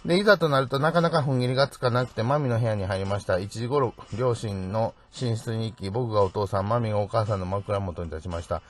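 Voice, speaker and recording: A man's voice: fairly low pitch, quick pace, hardly any pauses, slightly rough. A man hosting a solo true-crime talk, chatty, tagging his sentences with little asides. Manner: chatty, peppers sentences with "ne" tags and wry asides. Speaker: podcast host.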